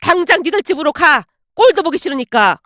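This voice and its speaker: A woman's voice: high-pitched, very animated, a little fast, no echo, studio quality. Woman acting out a fierce scolding mother. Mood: furious. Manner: scolding, shouting. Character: angry middle-aged mother, sharp-tongued and fierce.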